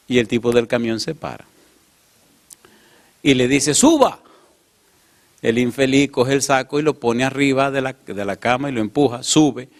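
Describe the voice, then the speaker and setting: A male pastor preaching a sermon in Spanish, telling stories with acted voices and asking the congregation questions. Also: mid-range voice. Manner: animated, asks the congregation questions, acts out characters in his stories. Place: church in the US.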